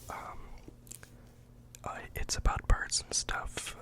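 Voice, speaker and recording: Whispered role-play, ASMR librarian, unvoiced whisper, deadpan, mock-earnest, hesitant asides. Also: slow. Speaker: ASMR performer playing a librarian recommending books.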